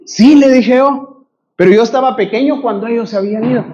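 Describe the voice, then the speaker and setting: A male pastor preaching a sermon, rising to shouts and asking the congregation questions. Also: extremely high pitch, quick pace, lo-fi sound, slight background noise. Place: church.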